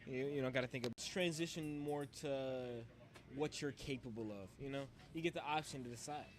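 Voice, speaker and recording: A man's voice: mid-range voice, normal speed. Laid-back man hosting a stream. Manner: laid-back, joking, rambling. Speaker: host and commentator. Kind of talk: casual live-stream commentary. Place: glassblowing studio with people around.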